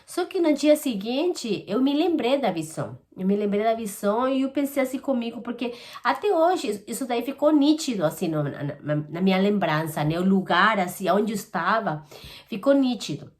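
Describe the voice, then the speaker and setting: Woman, slightly high voice, earnest and halting personal testimony. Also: expressive. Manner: earnest, halting retelling with many restarts. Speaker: testimony giver.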